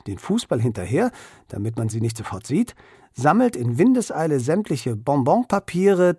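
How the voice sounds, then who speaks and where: A man narrating a children's story in an expressive, lively storytelling way. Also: fairly high pitch, vocal fry, husky, no echo, studio quality. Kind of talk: children's story read-aloud.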